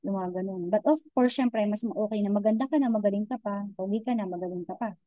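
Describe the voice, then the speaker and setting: Dark-voiced woman giving a chatty lecture. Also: mid-range voice, fast talker, no room sound, rough recording. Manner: chatty Taglish, frequent "okay?" and "di ba?" check-ins; many hesitations and restarts. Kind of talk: informal online lecture.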